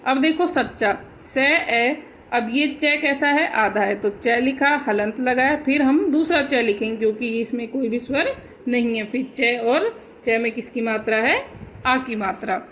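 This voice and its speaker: A woman gives a recorded online Hindi grammar lesson, unhurried and expressive, explaining each point in sequence and answering her own questions to pupils she calls "beta." Her slightly high, fairly bright voice carries a little hiss or hum in a low-quality recording.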